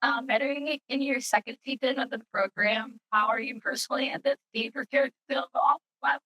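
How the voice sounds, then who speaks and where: A woman acting as interviewer, putting questions to players in a brisk, to-the-point way. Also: sits high, fairly even intonation, sharp tone, rough recording.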